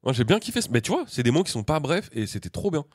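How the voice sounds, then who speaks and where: A man's voice: on the high side, sing-song, very fast, dry recording, clean studio sound. A man co-hosting a podcast from France, chatting casually in a slangy, joking way with strong opinions. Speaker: podcast co-host. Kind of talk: casual chat.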